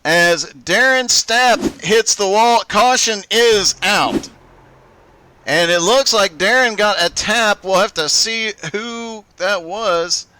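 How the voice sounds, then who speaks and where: A man's voice: sits high, slow, pushed and bright, slight background noise. A man calling a live sim racing event play-by-play, upbeat and laughing often as he goes. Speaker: race commentator.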